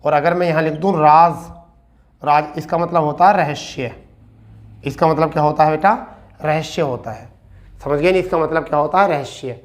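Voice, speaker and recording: A man's voice: a little high, fairly even intonation, moderate pace, long pauses. A man teaching an exam-prep Hindi spelling lesson, repeating each word and asking and answering his own questions. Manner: addresses students as beta.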